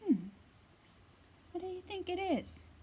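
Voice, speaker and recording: A librarian leads a storytime reading for young children in a very high-pitched voice, sing-song and expressive, stopping to ask her little listeners questions.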